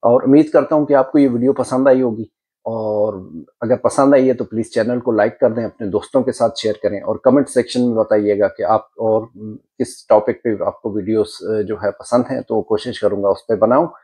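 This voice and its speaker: A man gives an exam lesson in a mellow, husky voice. He explains each point step by step and slows down to model the example sentences. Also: fairly low pitch, steady tone. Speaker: exam tutor.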